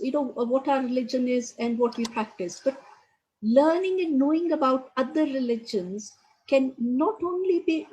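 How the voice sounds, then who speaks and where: A woman's voice: high voice, a little mellow, rough recording. A woman raised in India, leading a community project, giving an earnest speech at a launch event and leaning on "you know" fillers.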